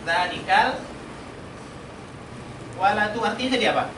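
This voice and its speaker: A man with a high-pitched voice and moderate pace quizzes students during a call-and-response Arabic lesson in a mosque study room. The recording captures a spacious, noisy hall.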